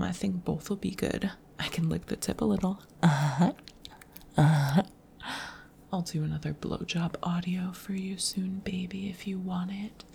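A young woman whispering softly in an intimate audio roleplay, unhurried and teasing. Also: medium pitch, gravelly, a little hiss or hum. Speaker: adult audio creator.

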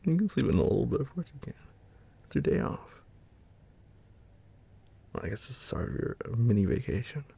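A man's soft, soothing voice, very husky and breathy with gravelly fry and a warm, mellow tone, murmurs intimately near the mic and often drops to a whisper for boyfriend roleplay ASMR. His pitch swings widely, his pace runs a little fast, and he takes long pauses.

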